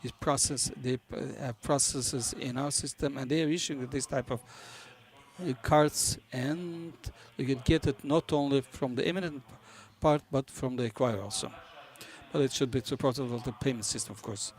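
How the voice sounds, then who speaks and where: Guy presenting at a business conference, non-native english, kinda halting, hunting for words. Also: mid-range voice, fairly even intonation. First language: not English. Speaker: conference presenter for a banking software company.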